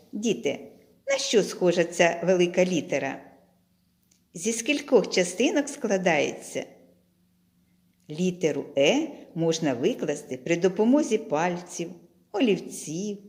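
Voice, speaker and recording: Slow, deliberate woman teaching young children. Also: mid-range voice, darkish tone. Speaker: primary school teacher. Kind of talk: slow, clear literacy lesson for young children.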